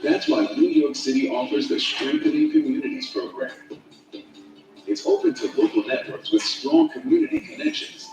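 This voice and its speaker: A man reads an upbeat promotional voice-over, his pitch swinging widely from phrase to phrase. It plays back through a laptop speaker and is picked up from a distance in a very echoey room. A loud music bed runs underneath. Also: huge pitch swings, moderate pace, vocal fry. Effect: played through a laptop speaker. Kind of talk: scripted promotional narration.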